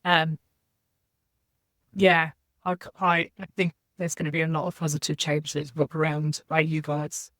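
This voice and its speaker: Reflective woman, low and dry. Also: level tone, a little slow, a bit bright, dry recording. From Zambia. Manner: reflective and candid. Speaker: guest, social impact leader. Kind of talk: podcast interview.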